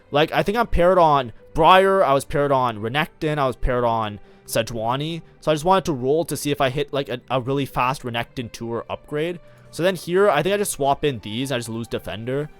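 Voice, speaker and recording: A man's voice: medium pitch, a bit bright. A man casually commenting on his own strategy game match as a streamer, talking in a loose, chatty way full of fillers. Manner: chatty, lots of fillers like "like, you know".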